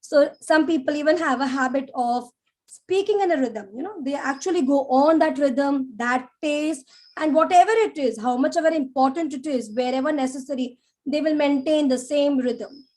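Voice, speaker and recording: A woman teaching a live public speaking class, animated and demonstrative, often checking in with "yeah?". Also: high voice, normal speed. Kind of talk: live online class lecture.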